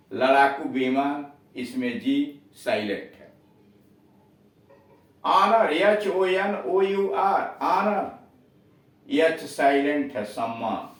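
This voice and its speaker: A man teaching English spelling and pronunciation in Hindi, spelling words out letter by letter and giving each meaning. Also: medium pitch. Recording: very echoey room, voice from a distance.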